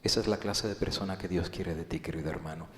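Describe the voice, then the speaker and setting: A male pastor giving a sermon, swinging between loud, urgent appeals and hushed, whispered pleading. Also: low voice, steady tone, fast. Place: church hall. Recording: echoey hall.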